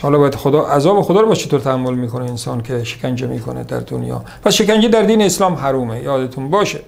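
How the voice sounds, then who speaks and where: A man giving a religious lesson on hadith, reciting Arabic quotations slowly, then explaining them in a conversational lecturing way. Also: mid-range voice, expressive, creaky, a little mellow. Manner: conversational lecturing, repeats points. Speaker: religious teacher. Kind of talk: sermon on hadith.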